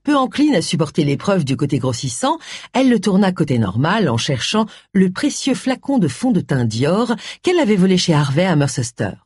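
Woman reading an audiobook, husky voice, lively, dry close sound. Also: lowish voice, moderate pace, no echo. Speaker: audiobook narrator. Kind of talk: scripted narration.

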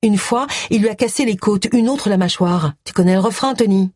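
A woman's voice: medium pitch, brisk, a little mellow, no room sound, studio quality, natural voice. A woman voicing a matter-of-fact male police officer in an audiobook reading.

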